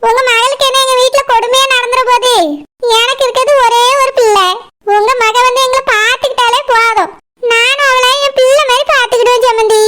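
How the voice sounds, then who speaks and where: A piercingly high, indignant cartoon matron. She taunts and scolds in a Kanyakumari Tamil accent, ready to pick a fight. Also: flat delivery, fairly quick. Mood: pleading. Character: indignant middle-aged woman, mother of the groom. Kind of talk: cartoon voice acting.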